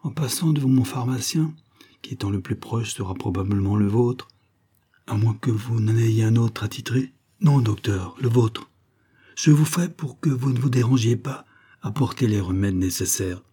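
A man voicing a kindly, solemn doctor who speaks gently and earnestly, in an audiobook. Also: mid-range voice, moderate pace, breathy edge, lightly acted. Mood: reassuring.

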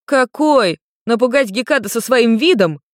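A woman's voice: on the high side, lively intonation, normal speed, dry recording, clean studio sound, pitched above the performer's own voice, lightly acted. Woman reading as a blunt, hot-tempered young man. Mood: reproachful. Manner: blunt and demanding.

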